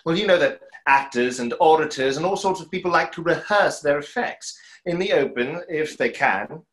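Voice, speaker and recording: His voice is a little high, expressive and fairly bright, at normal speed. He's a man in his thirties playing a wistful stage conjurer who doubts himself, hesitant and reflective, in a play read over a video call. The setting is a small home room, with the call's roomy echo.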